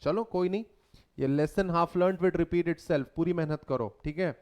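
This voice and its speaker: A man's voice: on the high side, unhurried, a little mellow. A man teaching a lecture in a conversational way, often quizzing his students with questions. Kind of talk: lecture mixing Hindi and English.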